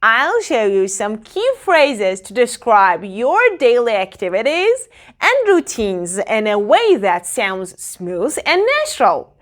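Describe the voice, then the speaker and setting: A woman teaching English phrases in a clear, emphatic, sing-song way. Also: fairly high pitch, fairly bright tone. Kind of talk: slow instructional explanation.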